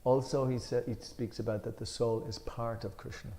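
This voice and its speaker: At a moderate pace and medium pitch, a man with an Irish accent leads a scripture discussion. He reads a commentary aloud with emphasis, then explains it in a relaxed way with some fillers.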